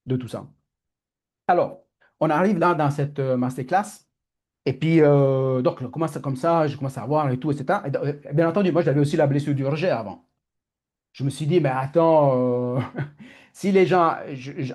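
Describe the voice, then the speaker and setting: A man with an Italian accent telling a personal story as a teacher, talking fast, rambling and correcting himself often. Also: mid-range voice, warm tone. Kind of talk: candid storytelling talk.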